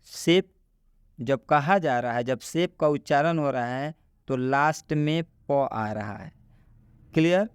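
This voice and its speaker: A man teaching English pronunciation, speaking slowly and repeating himself, often asking the viewer questions. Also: fairly high pitch, clear, resonant tone, no echo, studio quality. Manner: slow and repetitive, quizzing the viewer with questions. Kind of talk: classroom-style explanation in Hindi.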